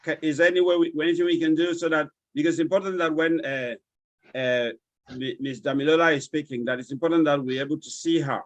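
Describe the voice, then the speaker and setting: A courteous Nigerian man calls the roll on an online webinar over a video call. His voice sits a little high, and the sound is dry and close with no room echo. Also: steady tone, quick pace, lo-fi sound. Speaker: webinar moderator.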